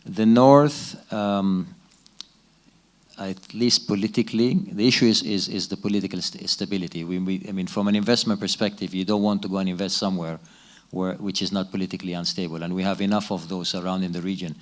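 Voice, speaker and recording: A middle-aged businessman from Sudan, answering audience questions at a conference fireside chat in a measured way, often pausing and restarting his sentences. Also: low voice, fairly even intonation. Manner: measured, with frequent restarts and hesitations. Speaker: business executive, keynote guest.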